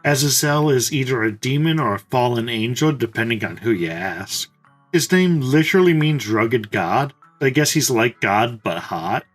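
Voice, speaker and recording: A young man hosting a let's play, giving casual commentary with jokey, irreverent deadpan asides. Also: mid-range voice, normal speed, soft background music.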